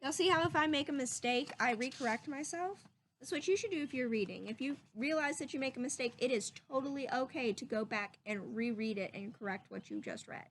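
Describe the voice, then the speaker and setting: A high-voiced woman reads aloud from a children's picture book in an animated, teacherly manner, stretching words and pausing for questions to her young audience. There's a little hiss or hum on the recording.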